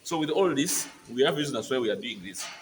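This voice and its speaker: A farm guide leads visitors through a dairy barn, explaining things step by step and often asking "you get my point?" to make sure they follow. His voice is medium-pitched, expressive and fairly quick. The recording is noisy, made inside the farm barn.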